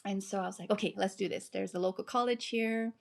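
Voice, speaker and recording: A woman's voice: mid-range voice, fairly even intonation, fast talker, creaky. Chatty woman composer from Malaysia. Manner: chatty, laughs often, frequent restarts. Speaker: guest composer. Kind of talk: casual interview.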